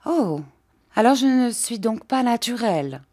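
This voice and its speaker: Woman putting on a sharp, ironic young woman. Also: on the high side, very animated, measured pace, voice pushed up.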